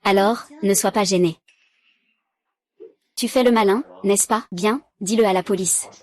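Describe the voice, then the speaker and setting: Woman, dubbed drama lines, one plain voice for every part, mid-pitched. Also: a little slow. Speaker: dub voice for a drama recap.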